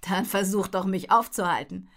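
A woman's voice: sits high, animated, moderate pace, fairly bright tone. A woman voicing a fearless young girl rider who talks with bold confidence.

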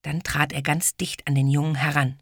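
A woman narrating a children's story in an expressive, lively reading voice. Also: low-pitched, moderate pace, husky, no echo, clean studio sound.

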